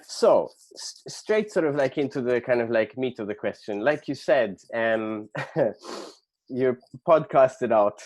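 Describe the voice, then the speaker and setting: A man's voice: mid-range voice, expressive, unhurried, darkish tone. A man hosting a podcast interview in a casual, rambling way, with many fillers and restarts. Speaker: podcast host.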